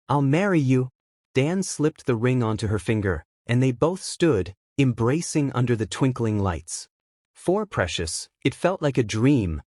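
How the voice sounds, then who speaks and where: A man narrating a scripted folktale as the channel's storyteller, with an expressive reading manner. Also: medium pitch, no room sound, studio quality.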